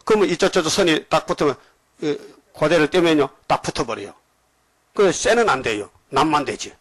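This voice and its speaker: An older man preaching a sermon as pastor, animated and often questioning the congregation directly. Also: fairly high pitch, fairly quick, no room sound, low-quality recording.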